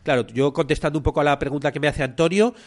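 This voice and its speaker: A man's voice: a little high, racing. Male podcast host, casual solo talk, rambling, lots of fillers. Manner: rambling, repeats words and fills with eh and ¿no?.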